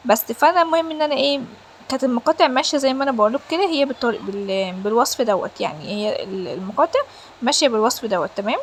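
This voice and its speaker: A woman's voice: on the high side, very fast, slight background noise. A woman with an Egyptian accent narrating her family vlog in a chatty way, talking straight to her viewers. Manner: chatty, addresses viewers directly. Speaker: family vlogger.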